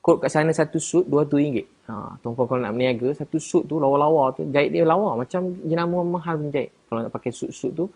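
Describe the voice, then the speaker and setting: Fast and with few pauses, a man with a Malaysian Malay accent and a breathy edge talks casually on a live stream. He replies to viewers and defends himself, getting louder and higher at points.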